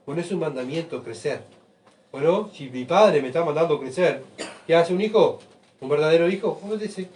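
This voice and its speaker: A man preaching a sermon, asking rhetorical questions and swinging between soft asides and loud emphatic bursts. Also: a little high, animated, normal speed. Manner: rhetorical questions, keeps asking the congregation "¿verdad?". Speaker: pastor. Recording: voice picked up from far off.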